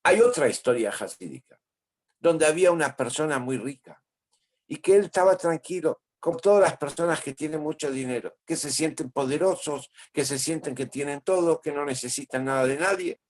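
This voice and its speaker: Rabbi telling stories. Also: male voice, a little high, expressive, normal speed, darkish tone. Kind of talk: storytelling sermon.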